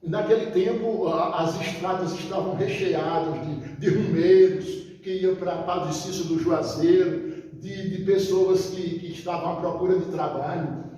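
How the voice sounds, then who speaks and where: A man's voice: high voice, fairly even intonation, measured pace, dark tone. An older man from Northeast Brazil telling stories from his childhood in an interview, often stopping to correct himself. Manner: rambling, many restarts, reminiscing. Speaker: interviewee, retired teacher and writer. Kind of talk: relaxed storytelling interview. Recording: echoey, distant, long reverb.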